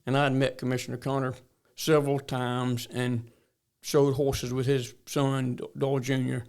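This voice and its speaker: A man's voice: medium pitch, little pitch movement, normal speed, a little mellow, clear, resonant tone. An older man from north Florida with a rural Southern drawl, telling stories in a folksy way as an interview guest. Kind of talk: storytelling interview talk.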